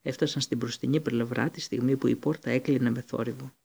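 Male audiobook reader, gravelly, husky tone, steady storybook reading. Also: mid-range voice. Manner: steady reading, occasional slips and restarts. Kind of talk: storybook narration.

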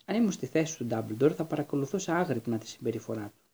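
A man's voice: mid-range voice, expressive, dark tone, husky. A man voicing a harried, blustering middle-aged government minister in a raised, exasperated voice while reading a storybook. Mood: grumbling.

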